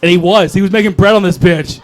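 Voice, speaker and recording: At a live open mic, a stand-up comedian tells crude, profane, self-deprecating stories. His voice sits high with fairly even intonation, he talks at a quick pace, and some chatter can be heard behind him.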